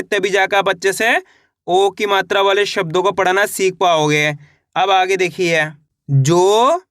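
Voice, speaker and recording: Slow, patient man teaching reading. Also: high-pitched, fairly bright tone, smooth, no echo, clean studio sound. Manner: sounds out syllables one at a time, then blends them; asks the viewer questions.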